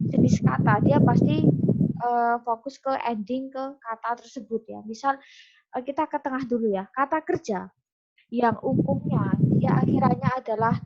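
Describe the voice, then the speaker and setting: A woman with an Indonesian accent gives an online lecture. Her voice sits a little high, and the audio is dull and lo-fi. She explains patiently, with frequent fillers and self-corrections. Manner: explanatory, many fillers and restarts. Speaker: English lecturer.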